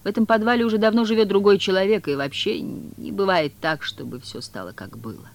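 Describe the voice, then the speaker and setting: A reader voicing a weary, resigned man who speaks softly and gently. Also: medium pitch, a little fast, vocal fry, pitched above the performer's own voice, natural voice. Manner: soft, resigned.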